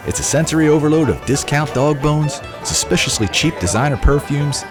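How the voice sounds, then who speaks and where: A man's voice: on the high side, fairly quick. A man reading a polished, scripted voice-over narration for a travel vlog. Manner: polished, descriptive, travel-show tone. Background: background music.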